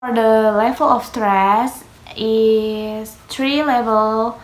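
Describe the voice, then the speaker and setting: A young female student presents a lesson on pronunciation, slowly and hesitantly, stopping often for fillers. She speaks Indonesian as her first language, and her English has small grammar slips. Her voice sits at a middle pitch in an echoey room. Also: steady tone. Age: young adult.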